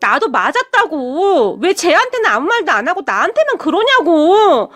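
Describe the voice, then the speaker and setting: Woman doing a shrill spoiled sister-in-law. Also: lively intonation, moderate pace, no echo. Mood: shrill whining. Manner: shrill, shouting, tearful complaining.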